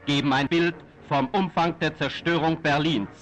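A man's voice: fairly high pitch, fairly even intonation, moderate pace, a bit bright. A man announcing formally, heard as an old newsreel soundtrack.

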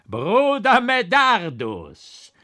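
A man voicing a ghostly male stranger painter who speaks in slow, drawn-out, booming pronouncements. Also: wildly swooping pitch, sharp tone, heavily acted. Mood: mocking.

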